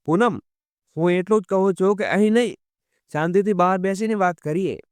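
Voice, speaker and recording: A man voicing a calm, patient husband who speaks in a soothing, explaining way. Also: sits high, brisk, smooth, dry recording, studio quality, lightly acted.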